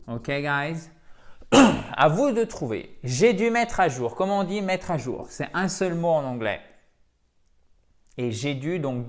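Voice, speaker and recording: A man teaching English vocabulary in a lively video lesson, enthusiastic and chatty, often quizzing his viewers. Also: medium pitch.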